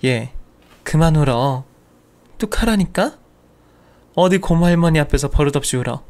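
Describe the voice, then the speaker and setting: A scornful, sharp-tongued old woman, as a male narrator puts her on in a spoken story. She scolds and sneers with a raised, slightly distant-sounding voice. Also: on the high side, lively intonation, moderate pace. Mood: scolding.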